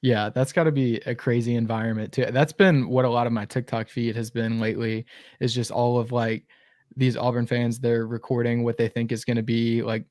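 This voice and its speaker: A young man hosting a casual podcast, talking in a relaxed way with lots of fillers. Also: mid-range voice, brisk, dry recording, studio quality. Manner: relaxed, filler-heavy, friendly. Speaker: podcast host.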